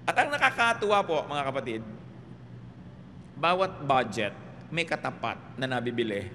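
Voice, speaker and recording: Bright-voiced Filipino pastor in a hall. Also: male voice, mid-range voice, normal speed, a little hiss or hum. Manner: animated, humorous preaching with rhetorical questions. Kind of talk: sermon. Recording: reverberant hall, faint background ambience.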